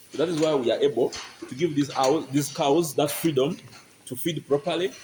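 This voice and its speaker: A man guiding visitors through a dairy barn, explaining step by step and often checking that his listeners follow. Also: mid-range voice. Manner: explanatory, keeps checking "you get my point?". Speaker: farm guide. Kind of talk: explaining on a farm tour. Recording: noisy farm barn recording.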